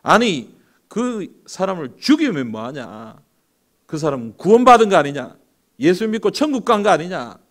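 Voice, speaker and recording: A man's voice: mid-range voice, expressive, normal speed, natural voice. A man voicing Satan as a male demon chief who scolds his underlings with angry rhetorical questions, inside a sermon.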